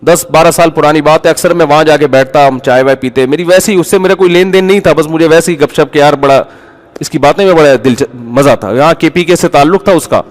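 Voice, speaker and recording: A man delivers a conversational sermon, slipping into the voices of the people in his stories. His voice sits a little high for a man. The sound rings with the long reverb of a large hall. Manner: animated storyteller, acts out the people in his stories. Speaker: Islamic preacher.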